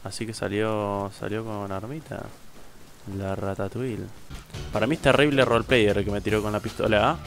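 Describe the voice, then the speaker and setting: A man's voice: fairly low pitch, fairly even intonation, normal speed, gravelly, soft background music. A young man with an Argentine accent giving casual, slangy live commentary on his online gameplay, talking to his chat. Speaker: streamer.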